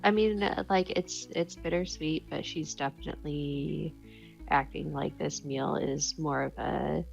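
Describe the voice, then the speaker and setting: Low raspy-fried lady player rambling about her character, dull lo-fi mic, faint music. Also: fairly even intonation, unhurried, darkish tone. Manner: rambling, fillers, chuckling. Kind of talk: casual tabletop play, describing her character.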